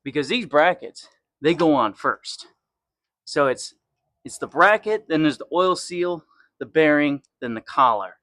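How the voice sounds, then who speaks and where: Speaking a little slowly in a bright, forceful, expressive voice with fairly high pitch, this young man hosts a garage channel. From his home garage he narrates a car repair in a casual way, swearing liberally and complaining under his breath while he wrenches, and there's no room sound.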